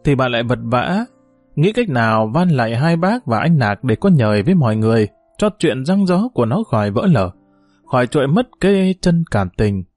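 A man reading a novel aloud in steady, measured storytelling narration. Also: mid-range voice, dry recording, faint music behind.

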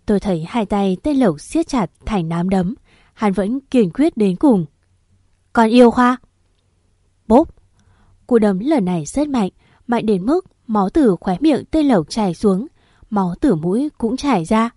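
A woman tells a dramatic family story in the first person. She speaks at a mid pitch, and the recording is dry and close. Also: lively intonation, unhurried, warm tone, no echo. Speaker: narrator.

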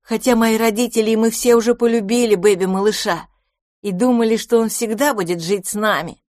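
A woman's voice: fairly high pitch, brisk, a little mellow, dry recording, pitched above the performer's own voice, natural voice. Woman doing a storybook domovoy boy: small, proud, earnest, dry sound.

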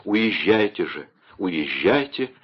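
A man's voice: sits low, sing-song, takes it slowly, slightly rough, lo-fi sound, voice pushed down, exaggerated voice. A man voicing an anguished pleading queen. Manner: pleading, emotional. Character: anguished proud young queen, woman.

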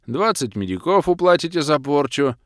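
A man voicing a pompous, dutiful male city guard who gives drawn-out, insistent orders. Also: on the high side, big pitch swings, no echo, clean studio sound, voice pushed up.

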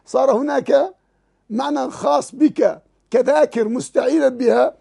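A man's voice: very high voice, creaky, a little mellow. A man teaching Islamic legal theory to students. He talks with feeling, often laughs, repeats words as he thinks, and puts questions to his class. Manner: asks students rhetorical questions. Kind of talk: classroom lecture explaining a text to students.

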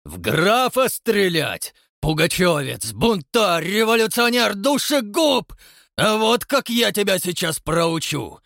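A man's voice: mid-range voice, very animated, measured pace, no room sound, clean studio sound. A man voicing a pompous, grey-bearded old man posing as a count, grandiose and menacing. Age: older.

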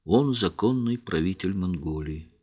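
A man voicing a calm, knowing young woman who speaks softly and sadly in an audiobook. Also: deep voice, unhurried, dull audio. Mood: sad, quiet. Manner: soft, hushed delivery.

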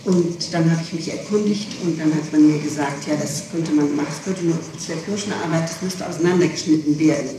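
A low-voiced woman is questioned by police in a taped interrogation, giving testimony in a halting way and repeating words as she explains. The old tape is noisy and echoey, captured in a reverberant room with a distant microphone.

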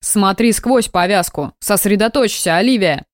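A woman reading the lines of a lazy, mocking male mage mentor in an audiobook, in a drawling, unhurried way. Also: medium pitch, no echo, studio quality, natural voice. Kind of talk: audiobook character voice.

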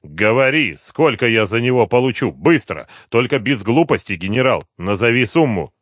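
A man's voice: mid-range voice, expressive, moderate pace, a bit bright, dry recording, clean studio sound, voice pushed up. A man doing a hard, terse colonel. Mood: demanding. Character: cold, calculating male colonel on the run.

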